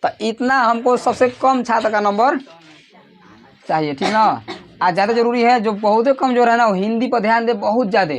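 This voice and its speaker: A man with a Bihari Hindi accent teaching a class, calling out questions for the students to answer together and sometimes raising his voice almost to a shout. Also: extremely high pitch, moderate pace. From Bihar, India. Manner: raises his voice to a near shout at times. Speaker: coaching teacher.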